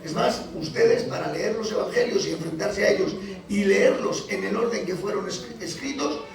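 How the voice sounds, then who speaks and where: A man's voice: high-pitched, normal speed, creaky, a crowd in the background. A man preaching a sermon in a church, teaching through questions and vivid examples, recorded from far off in a very echoey hall.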